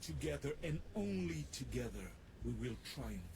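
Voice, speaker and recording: An actor playing a solemn, commanding male leader in a video game, with a gravelly voice. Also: mid-range voice, sing-song, moderate pace, darkish tone, exaggerated voice. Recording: game audio with background noise.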